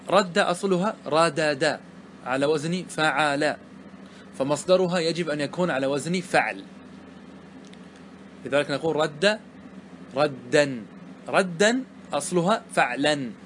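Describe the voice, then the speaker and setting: A man's voice: fairly high pitch, a bit bright, slight background noise. A man teaching Arabic grammar, patiently asking and answering his own questions as he explains a verse poem.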